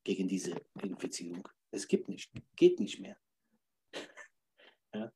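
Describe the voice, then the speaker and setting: A man's voice: low-pitched, very animated, slow pace, gravelly, darkish tone, a little hiss or hum. A man talking as a podcast guest, emphatic, repeating key phrases and checking in with "ja?" again and again. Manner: emphatic, keeps asking "ja?" to check in. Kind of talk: podcast conversation.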